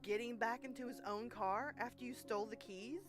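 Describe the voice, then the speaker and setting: A man's voice: extremely high pitch, moderate pace, music in the background, voice pushed up. A man voicing an adult wife with a sarcastic, pointed manner. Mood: sardonic. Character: wife, adult woman, sharp and sardonic.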